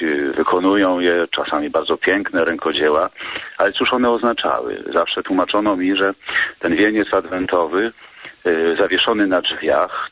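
Low-voiced priest type doing a slow thoughtful radio talk, lots of ums, dry muffled sound. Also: male voice, bright, forceful tone, no room sound. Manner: measured, halting with frequent pauses and fillers.

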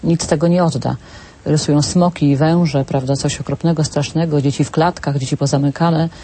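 Calm woman speech therapist, dark husky voice. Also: low-pitched, moderate pace. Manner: calm, explanatory, uses clinical terms. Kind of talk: expert explanation on a talk show.

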